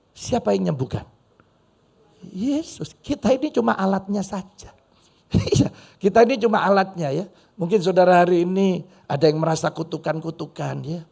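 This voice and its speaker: A man's voice: high-pitched, creaky. A middle-aged man with an East Javanese accent preaching a sermon, telling humorous stories and turning often to address the congregation. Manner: animated, humorous storytelling with audience asides. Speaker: pastor. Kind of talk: storytelling sermon. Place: church service.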